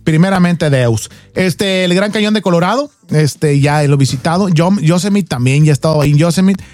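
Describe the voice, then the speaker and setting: A man's voice: on the high side, a little fast, darkish tone, dry recording, soft background music. A man with a northern Mexican accent hosting a radio show in playful, informal banter full of colloquial slang.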